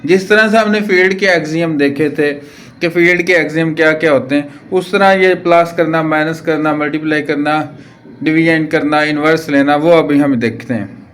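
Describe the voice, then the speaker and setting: A Pakistani math teacher with a fairly high, fairly bright voice lectures at normal speed. He works through exercises at the board step by step, posing rhetorical questions along the way. The room is echoey, with faint noise.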